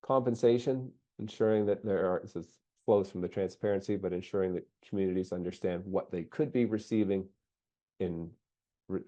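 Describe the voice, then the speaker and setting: A man giving a webinar presentation in a measured way, pausing and correcting himself. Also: low-pitched, dark tone. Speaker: presenter on community benefit agreements. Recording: dull, band-limited audio.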